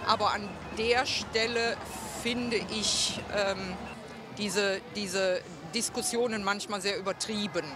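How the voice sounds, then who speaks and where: An older man with a high voice answers bluntly and dismissively in a street interview. Clear street noise sits behind. He speaks into a handheld mic outdoors. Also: steady tone, slow.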